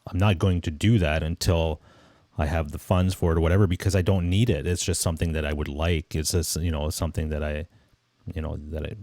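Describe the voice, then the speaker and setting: Low, mellow-voiced man in his late forties. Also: no echo. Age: 40s. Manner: rambling, with many restarts and "you know"s; reflective and easygoing. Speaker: livestream host. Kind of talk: casual live-stream chat.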